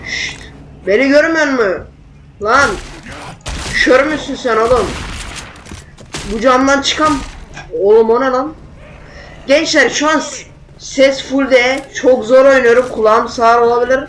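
A man's voice: extremely high pitch, measured pace, pauses often, fairly bright tone, slight background noise, low-quality recording. A man hosting a gaming channel, giving loose gameplay commentary full of yelps, sudden exclamations and slangy swearing.

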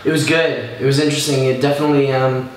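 A man's voice: mid-range voice, quick pace. A man, a touring musician, talking loosely and rambling after a show. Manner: loose, rambling, animated storytelling. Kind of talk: casual post-show interview. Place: backstage room, indoors. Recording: distant, very echoey room, faint noise.

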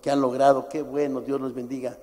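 A middle-aged man preaching a sermon as pastor, forceful and emphatic, swinging from shouts to low asides. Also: flat delivery, a little fast. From Mexico. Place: church. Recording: church hall with long reverb.

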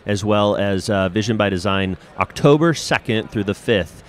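Low-voiced man hosting a podcast. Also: normal speed. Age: middle-aged. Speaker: podcast host. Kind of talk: casual interview hosting. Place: curtained booth at a convention. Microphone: handheld microphone held close, with headphones. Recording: clear background noise of convention hall.

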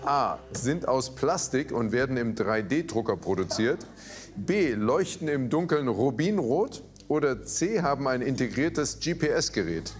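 This middle-aged man hosts a quiz in a big TV studio. He sits at a mid pitch and reads each question and its options clearly and steadily, adding dry remarks, with faint music behind. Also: animated, a little slow. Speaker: quiz show host. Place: large TV studio.

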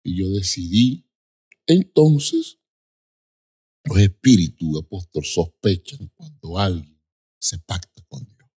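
Husky-voiced man telling his testimony. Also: expressive, dark tone. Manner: emphatic, acts out quoted people with sudden high, drawn-out voices; repeats words for emphasis. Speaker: apostle sharing his testimony. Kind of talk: personal testimony storytelling.

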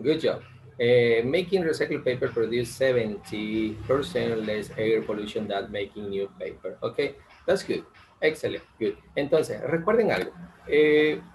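A man, teaching English in an online class, joking and drawing out example words slowly, often checking in with "ok?". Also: fairly low pitch, a little hiss or hum, rough recording. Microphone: video call.

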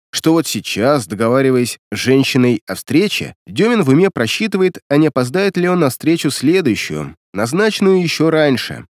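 A man's voice: mid-range voice, no room sound, clean studio sound. A man narrating a crime novel audiobook in the first person with a wry, ironic telling.

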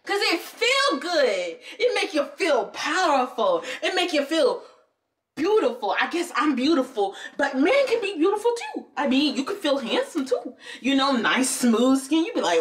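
A young woman chats to her viewers in a playful, rambling way, her voice bright and swinging widely in pitch. She laughs easily as she talks. The mic sits some distance away with faint noise underneath. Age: young adult. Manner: talks with her eyes closed. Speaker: beauty vlogger. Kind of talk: casual chat to camera.

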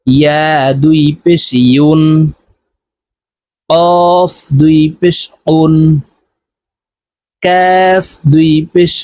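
Man, Quran reading teacher, extremely slow recitation drill, drawn-out syllables, calm explanations. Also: a little high. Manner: drawn-out, deliberate chanting of each letter sound.

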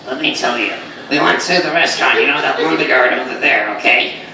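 A man's voice: mid-range voice, brisk, sharp tone. A man voicing a brash, wisecracking puppet creature in a live ventriloquism act, speaking with his lips barely moving. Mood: cocky storytelling. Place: small indoor comedy stage, filmed from the audience. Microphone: stage mic picked up by far camera. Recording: echoey noisy hall, distant camera mic.

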